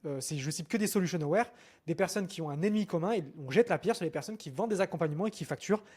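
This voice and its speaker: A man's voice: high-pitched, a little mellow, slightly rough. A man coaching on marketing funnels in a casual, filler-heavy way, often checking in with "ok?". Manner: fast, informal, many fillers and restarts, addresses viewer with "ok?". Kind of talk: screen-share marketing lesson.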